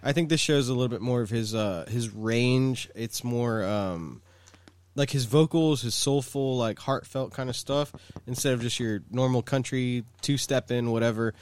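A man's voice: mid-range voice, moderate pace, darkish tone, clean tone, no echo. A man, co-hosting a casual podcast chat, rambling with lots of filler words and swearing. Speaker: podcast co-host.

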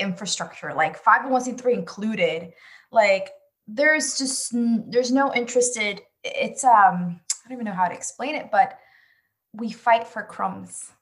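A woman's voice: fairly low pitch, pushed and bright. A woman working as an immigrant rights organizer talks casually and earnestly, often restarting phrases and repeating her key points for emphasis. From Latin American immigrant community. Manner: earnest, restarts and self-corrections, emphatic repetition. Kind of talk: casual conversational discussion.

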